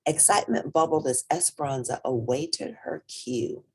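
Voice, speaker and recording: This is a woman reading a children's picture book at normal speed in a low voice. The delivery is animated and dramatic, husky and breathy, dipping into whispery tones and leaning on certain words.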